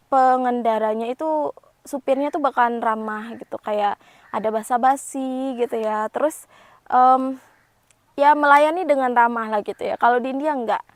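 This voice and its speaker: A woman's voice: a little high, no echo. A young woman from Indonesia chatting casually to camera as a vlogger, with frequent fillers and tag phrases. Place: home.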